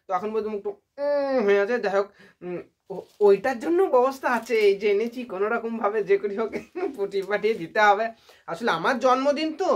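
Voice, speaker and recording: A man vlogging casually to his viewers, chatty and self-mocking, often laughing at himself. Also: very high voice. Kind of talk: casual comedic vlog.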